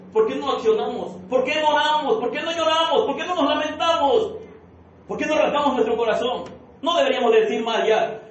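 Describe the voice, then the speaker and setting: A man's voice: very high-pitched, a little mellow. A man preaching a fervent sermon as pastor, firing off repeated rhetorical questions and calling his listeners beloved brothers. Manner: addresses the congregation as beloved brother. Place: church sanctuary. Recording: echoey room from far off, dull and lo-fi.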